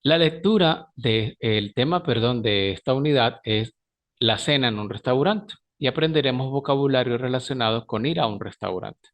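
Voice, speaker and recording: A man's voice: mid-range voice, normal speed, fairly bright tone. A man teaching an English lesson, who often stops to correct himself mid-sentence. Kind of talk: recorded language lesson.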